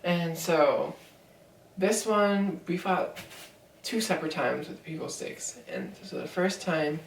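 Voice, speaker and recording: A woman's voice: on the low side, lively intonation, slow, recorded from a distance, slight background noise. A young woman in her twenties telling a story in a casual vlog, rambling with lots of fillers. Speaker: vlogger. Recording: echoey room, voice from off mic.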